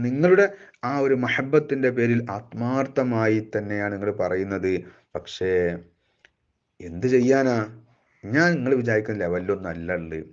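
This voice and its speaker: A man's voice: mid-range voice, a little mellow. Guy teaching an old devotional poem, drags out the verse then explains it, medium voice, kinda muffled audio. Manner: slow drawn-out chanting of Arabic verse, then brisk explanation. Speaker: religious teacher. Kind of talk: explaining classical Arabic devotional poetry line by line.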